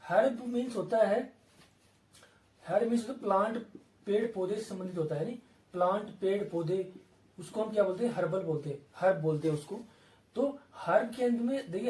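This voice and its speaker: A man's voice: sits high, warm tone. A man with an Indian English accent teaching an exam-prep vocabulary lesson, repeating terms and asking and answering his own questions. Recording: roomy, from a distance.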